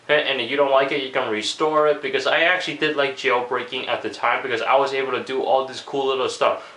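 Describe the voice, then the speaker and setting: Guy with a cold talking casual vlog stuff, lots of uhs, bright voice, echoey room. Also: mid-range voice. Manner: rambling, many fillers and restarts. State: has a cold, voice cracking. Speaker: tech vlogger. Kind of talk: casual video commentary.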